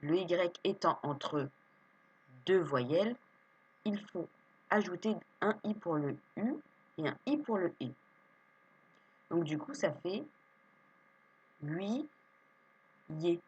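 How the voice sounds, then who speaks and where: Slow, patient French reading teacher. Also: female voice, on the low side, animated, husky, muffled recording. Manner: slow, patient, sounding out syllables. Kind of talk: reading lesson for young children.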